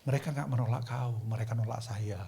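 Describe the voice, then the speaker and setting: A man voicing God, calm and stern. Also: mid-range voice, brisk, creaky, a little hiss or hum, voice pushed down, close to an everyday voice.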